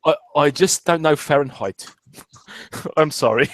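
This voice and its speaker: A man's voice: on the high side, measured pace, dry recording. Guy from portugal hosting a stream chat, keeps restarting sentences, dry voice. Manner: hesitant, many fillers and restarts. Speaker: stream host. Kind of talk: casual online group chat.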